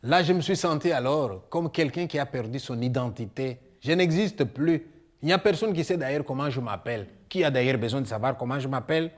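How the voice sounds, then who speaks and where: A man from Congo, telling his story on stage in a lively way, acting out scenes and asking the audience questions. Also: mid-range voice, brisk. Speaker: stage performer. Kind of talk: theatrical storytelling monologue. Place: theatre hall before an audience.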